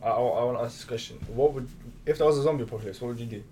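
A man's voice: medium pitch, rapid-fire, dark tone. A young man with a London accent and urban roadman slang, chatting casually with friends. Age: young adult. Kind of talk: casual chat among friends. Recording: background noise.

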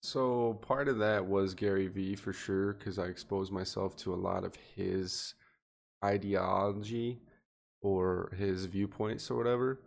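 Low, gravelly young man, reflective. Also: steady tone, unhurried. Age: 20s. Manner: earnest and reflective, thinking aloud. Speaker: podcast guest. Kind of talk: casual podcast chat.

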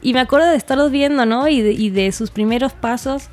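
A woman's voice: sits high, brisk, soft background music. A woman with a Mexican accent, a guest on a casual podcast, talking in a laid-back, rambling way with many tag questions.

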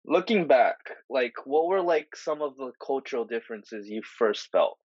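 A man's voice: mid-range voice, expressive, moderate pace, a little mellow, no room sound, muffled recording. A man hosting a casual podcast chat, asking questions with many fillers and restarts. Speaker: podcast host. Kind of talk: casual conversational interview.

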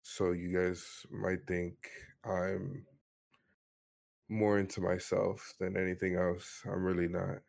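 Low, monotone young man telling his story. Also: vocal fry. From Miami, Florida, USA. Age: 20s. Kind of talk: casual personal storytelling.

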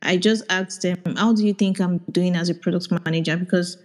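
A Nigerian woman, a product manager, giving reflective career advice in a casual audio chat, often pausing to search for words. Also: lowish voice, fairly even intonation, poor audio. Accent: Nigerian English.

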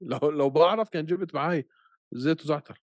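Fast-talking Levantine Arabic man, animated podcaster. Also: a little high, dry recording, studio quality. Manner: animated storyteller, peppers Arabic with English words. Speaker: podcast co-host. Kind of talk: casual podcast chat.

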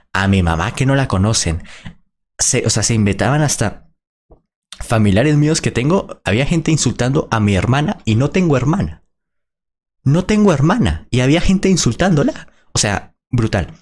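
A man's voice: medium pitch, a little mellow. Indignant swearing man. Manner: indignant, blunt, swears freely. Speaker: small content creator reacting to a freestyle battle. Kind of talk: casual reaction commentary.

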